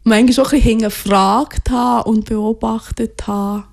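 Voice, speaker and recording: A woman from Ghana, as an interview guest, soft-spoken and hesitant, searching for her words. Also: on the high side, steady tone, a little slow, gravelly. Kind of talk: reflective personal interview.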